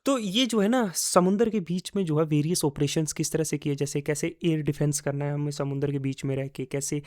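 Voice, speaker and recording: Man teaching a current-affairs lecture, higher voice. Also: brisk, darkish tone. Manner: conversational, repeats key terms, asks and answers own questions. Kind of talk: recorded exam-prep lecture.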